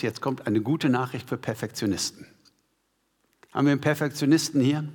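A man preaching a sermon to a congregation, emphatic and asking them rhetorical questions. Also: on the high side. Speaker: pastor. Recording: long hall reverb.

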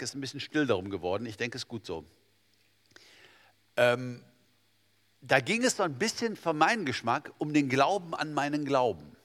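A man preaching a sermon to his congregation, swinging between loud, emphatic bursts and quiet, hushed passages. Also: medium pitch. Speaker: pastor. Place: church hall. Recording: long hall reverb.

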